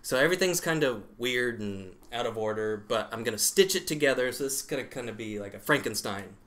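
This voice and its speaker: A man co-hosting a horror podcast, chatting casually with deadpan jokes. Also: mid-range voice, a little fast. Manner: jokey, deadpan banter. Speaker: podcast co-host. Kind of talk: casual comedic chat.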